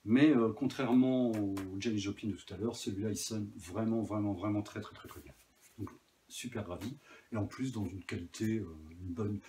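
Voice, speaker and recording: Low-pitched guy rambling happily about his records, lots of ums, bit of hiss in the background. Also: darkish tone. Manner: hesitant, many fillers, enthusiastic about records. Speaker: vinyl collector vlogger. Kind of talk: casual chat.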